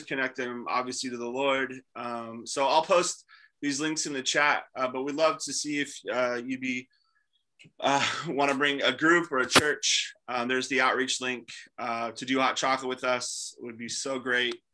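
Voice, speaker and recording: A man in his thirties on a video call, talking casually as ministry staff host, halting with many fillers. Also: medium pitch, steady tone, bright, forceful tone, poor audio. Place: small room indoors.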